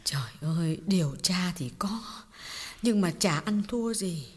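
A woman voicing a grieving middle-aged mother in an audiobook drama, telling a painful story in a tearful, halting way with repeated words. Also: fairly high pitch, expressive, slightly rough. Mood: anguished. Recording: long reverb with background music.

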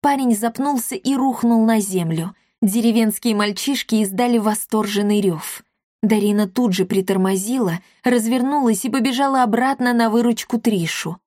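A woman reading a children's story aloud in a lively, expressive way. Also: on the high side, normal speed, no room sound, studio quality. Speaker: audiobook narrator. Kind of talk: scripted storybook narration.

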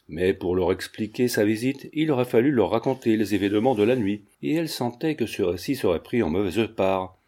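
A man narrates a classic novel in a steady, measured reading. His voice is mellow and sits at a medium pitch. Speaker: audiobook narrator. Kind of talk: scripted narration.

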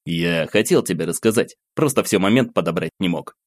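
A man reads a young student friend in an audiobook, blunt and terse, speaking in short, curt replies. His voice is low and deep, recorded close and dry. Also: animated, fairly quick, no room sound.

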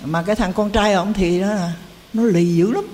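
Woman, Buddhist dharma talk, folksy storytelling, mid pitch, long hall reverb. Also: normal speed, mellow, slight background noise. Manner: folksy storytelling, rhetorical questions. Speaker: Buddhist teacher.

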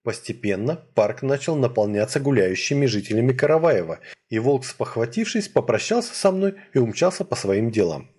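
Male narrator, first-person audiobook, husky, animated intonation. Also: medium pitch, normal speed, few pauses.

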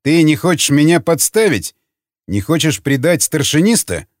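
A man's voice: medium pitch, sing-song, normal speed, dry recording, clean studio sound. A man voicing a sly one-eyed male interrogator who mocks and barks his questions. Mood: mocking. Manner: mocking, barking.

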